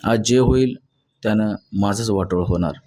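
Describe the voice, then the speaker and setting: A man's voice: lowish voice, normal speed, warm tone, lightly acted. A man reading the lines of a weary older village father in a novel audiobook. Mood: resigned.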